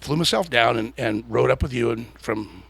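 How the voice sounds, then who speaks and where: A man's voice: medium pitch, normal speed, vocal fry, fairly bright tone. A man hosting a podcast, animatedly telling stories and laughing often as he talks. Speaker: podcast host. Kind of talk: casual storytelling interview.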